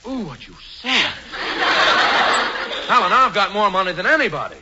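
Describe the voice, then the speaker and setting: An actor playing a boastful, smug rich young playboy in a 1940s radio comedy, with a pompous, drawling delivery. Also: male voice, high-pitched, very animated, normal speed, highs cut off. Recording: scratchy old radio broadcast with hiss.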